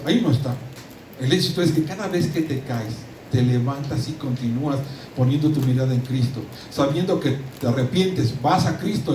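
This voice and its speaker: Emphatic Mexican pastor in an echoey hall. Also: male voice, on the high side, dark tone, a little hiss or hum. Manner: emphatic, repeating himself and restarting words. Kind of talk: sermon. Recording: roomy echo, distant mic, audible room ambience.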